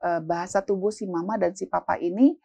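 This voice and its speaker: A woman giving casual parenting advice, animated and acting out parents' voices. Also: lowish voice, brisk, vocal fry, slightly rough. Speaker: parenting expert guest.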